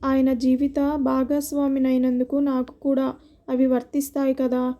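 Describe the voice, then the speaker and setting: A woman reading as a gentle, troubled middle-aged wife in an audio story, her high voice soft and mellow. She speaks quietly, with a sorrowful, even delivery. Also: unhurried. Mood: soft, sad.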